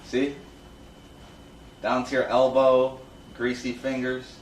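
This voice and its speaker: A man's voice: mid-range voice, monotone, takes it slowly, roomy sound, recorded from a distance, a little hiss or hum, low-quality recording. A man streaming, teasing a friend in casual, playful chat.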